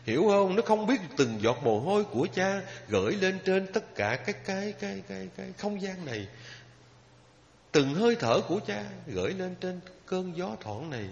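A man giving a Buddhist dharma talk as a sermon, telling a story with emotion and pausing at length as he speaks straight to his listeners. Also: high voice, big pitch swings, vocal fry. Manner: emotional storytelling, drawn-out pauses, addresses listeners directly. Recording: lo-fi recording with long hall reverb, faint noise.

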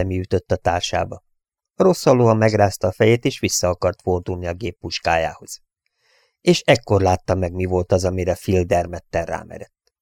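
A man reading an audiobook in a steady, measured storytelling manner. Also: sits low, vocal fry, no room sound, studio quality. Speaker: audiobook reader. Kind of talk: audiobook narration.

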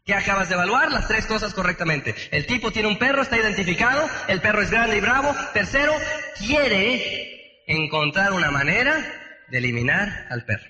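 A man's voice: high voice, lively intonation, moderate pace, sharp tone. A man, teaching a live seminar, playing out both sides of sales conversations and quizzing the audience. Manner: acts out both sides of sales dialogues, asks the audience questions. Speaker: business trainer. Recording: echoey hall, live talk.

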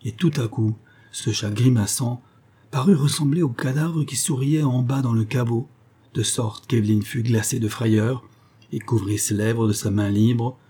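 A man with a husky voice narrating a gothic tale as an audiobook reading. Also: mid-range voice, measured pace, dark tone.

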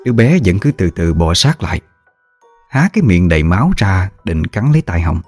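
A man narrating a ghost story in a measured, somber manner. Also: low voice, big pitch swings, darkish tone, soft background music.

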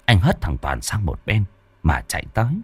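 A man narrating a ghost story in an expressive, dramatic storytelling style. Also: deep voice, moderate pace, slightly rough, dry recording.

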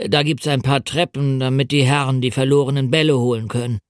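A man's voice: mid-range voice, steady tone, a little fast, no echo, clean studio sound, lightly acted. A man reading the lines of a deferential old coastguard who answers politely and ponders aloud.

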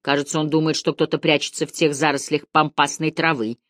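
A woman reading the part of a practical, protective older man, steady and matter-of-fact. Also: low voice, fairly quick, dry recording, clean studio sound. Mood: calm.

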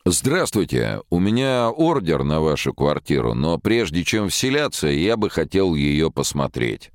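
Man playing a snooty soviet party boss, gravelly voice, swingy pitch, audiobook, dry sound. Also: big pitch swings, unhurried, dry recording, full character voice. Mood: haughty. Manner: haughty, imperious. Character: arrogant Soviet party official, middle-aged man. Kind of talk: audiobook character voice.

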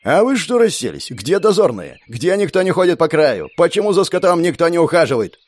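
A man's voice: mid-range voice, big pitch swings, brisk, darkish tone. A man voicing a fierce scarred woman sergeant who barks insults and orders in an audiobook. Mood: furious yelling.

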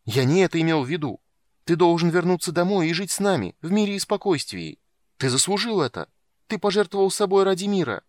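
A man's voice: medium pitch, expressive, a little fast, dry recording, natural voice. A distraught young apprentice mage, as a male reader plays him, pleading and crying out in a raised, strained voice. Close and dry, read like an audiobook character. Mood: upset protest.

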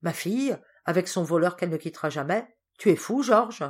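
A woman's voice: lowish voice, a little fast, husky. Woman reading as agitated father Monsieur Dormer. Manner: excitable, exclamatory. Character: anxious, agitated middle-aged father, quick-tempered.

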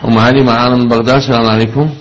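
Man, Iraqi accent, call-in host, clipped replies, rapid, muffled broadcast sound. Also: medium pitch, flat delivery. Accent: Iraqi Arabic. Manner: brisk, clipped acknowledgements. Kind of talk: call-in religious question show.

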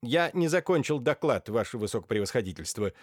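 A man's voice: medium pitch, animated, a little fast, no room sound, studio quality, lightly acted. A man voicing an experienced, composed police inspector who reports in a clipped, businesslike way. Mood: matter-of-fact.

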